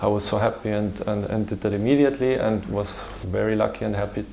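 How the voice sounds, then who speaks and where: A patient organization founder from Vienna, Austria, whose first language is German, explains his work in an interview answer with an Austrian accent. His delivery is hesitant and halting, searching for words and repeating them, in a fairly low, steady, warm voice with vocal fry. There is slight background noise.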